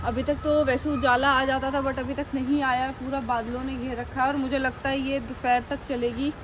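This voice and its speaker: An animal rescuer who runs a shelter chats casually with her viewers, choosing her words carefully so she doesn't stumble. Her voice is high and level, at a normal speed. Rain patters behind this noisy phone recording.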